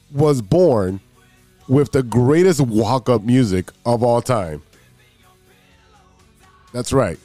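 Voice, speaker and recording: A mellow, mid-range voice belongs to a man hosting a casual sports and news podcast. Allergies leave him sounding nasal and stuffy, and he rambles and jokes, often restarting what he's saying.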